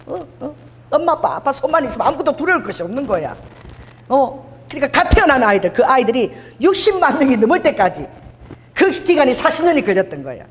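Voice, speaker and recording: Woman preacher, pretty high voice, swings up and down a lot, big echoey church hall. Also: fast, slight background noise. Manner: animated preaching, acts out voices of God and people. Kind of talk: sermon. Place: church sanctuary. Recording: long hall reverb.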